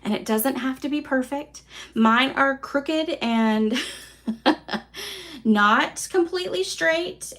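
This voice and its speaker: Southern woman, craft class host, easygoing and self-deprecating, a bit higher than most. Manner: chatty, relaxed, self-deprecating. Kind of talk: live card-making demonstration.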